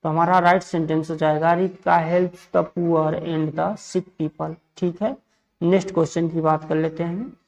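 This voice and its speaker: Indian man, grammar teacher for exam prep. Slightly high, gravelly voice. Asks and answers his own questions. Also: little pitch movement, darkish tone. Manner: reads example sentences slowly.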